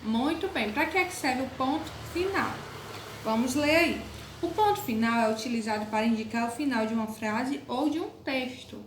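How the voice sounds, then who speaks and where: A woman teacher with a Brazilian Portuguese accent, patiently explaining a lesson to young pupils in a recorded online class. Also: sits high. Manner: patient, explains slowly, calls pupils "my loves". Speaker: primary school teacher. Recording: echoey room, faint background noise.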